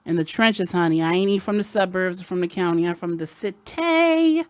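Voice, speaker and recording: On a headset with no room sound, a woman radio host from Baltimore, Maryland, talks in a candid, casual way with sassy asides and a Baltimore accent. Her voice is on the low side, animated and brisk.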